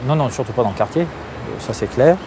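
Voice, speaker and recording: Speaking fast and animatedly in a mid-range voice, the Algerian interview guest and activist gives open, candid answers full of fillers and false starts, with noise in the background.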